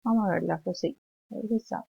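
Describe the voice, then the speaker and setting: A woman teaching young children, slowly saying words and phrases for them to repeat back. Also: medium pitch, vocal fry, dark tone, slightly rough, dry recording, muffled recording. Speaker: preschool teacher. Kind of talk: remote language lesson for young children.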